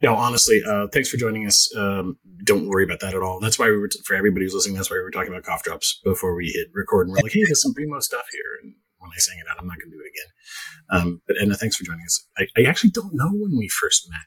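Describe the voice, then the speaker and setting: A man's voice: sits low, expressive, racing, fairly bright tone, breathy edge, low-quality recording. A man hosting a podcast, chatting casually in a rambling, bantering way. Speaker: podcast host. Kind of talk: casual chat interview.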